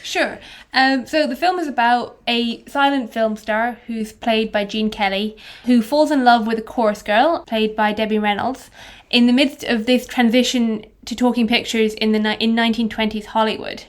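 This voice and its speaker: A woman co-hosting a podcast, chatting casually and giving brisk, clear summaries. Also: a little high. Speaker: podcast co-host. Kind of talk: casual conversational podcast chat.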